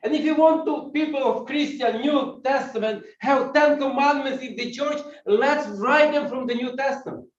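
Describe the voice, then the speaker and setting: Heard from far away in an echoey church with a dull tone, a guest pastor delivers his sermon in the church hall. His male voice is extremely high, at normal speed with few pauses, and carries a Ukrainian accent, as he is from Ukraine. He moves about while preaching and questions the congregation.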